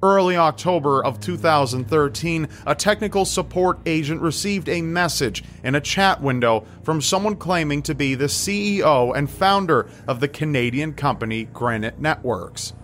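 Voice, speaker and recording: A man's voice: fairly high pitch, expressive, normal speed, few pauses, fairly bright tone, slight background noise. A man reading scripted narration in the style of a true crime list video. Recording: music behind the voice. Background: background music.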